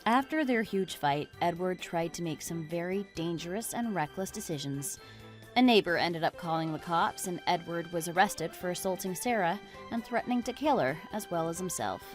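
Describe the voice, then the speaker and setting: A woman with a fairly low voice reads a text-message story as scripted narration. She stays even and matter-of-fact over soft music. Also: normal speed.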